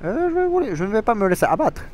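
A man voicing a sly male frog-like creature from a video game, reading its dialogue aloud with a squeaky, jumpy delivery full of exclamations. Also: sing-song, quick pace, darkish tone. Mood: excited.

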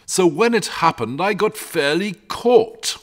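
A man's voice: high voice, animated, slow pace, voice pushed up. A man voicing a lazy, chatty old-fashioned dragon. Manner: rambling, fussy, old-fashioned gentlemanly talk. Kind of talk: storybook reading.

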